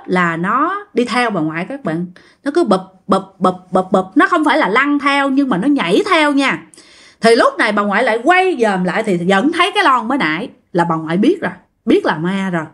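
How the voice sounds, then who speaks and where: A woman tells ghost stories in a chatty, expressive way. She talks straight to her listeners. Her pitch swings widely from line to line. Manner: expressive, addresses listeners directly. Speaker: storyteller. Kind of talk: ghost story narration.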